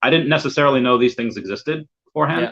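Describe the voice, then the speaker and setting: Speaking very fast, this young man from the US has a medium-pitched voice that sounds animated, pushed, and bright. He's a guest in a relaxed interview over video call, wandering and repeating himself as he gropes for what to say, all on dull lo-fi audio.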